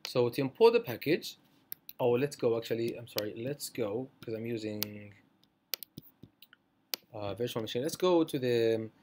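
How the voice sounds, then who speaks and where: A man's voice: mid-range voice, lively intonation, normal speed, long pauses, a little mellow, slight background noise. A man teaching a programming tutorial over a screencast, talking it through with many fillers and self-corrections. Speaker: programming instructor.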